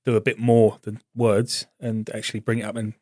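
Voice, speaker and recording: A man's voice: on the low side, completely flat delivery, a little fast, darkish tone, dry recording, clean studio sound. A British Army veteran man co-hosting a podcast, telling blunt army stories in casual chat. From Britain. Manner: blunt storytelling army banter. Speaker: podcast co-host.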